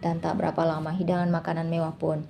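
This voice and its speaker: A woman storyteller narrating a domestic drama in an even, measured reading. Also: deep voice, creaky, background noise. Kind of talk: scripted narration.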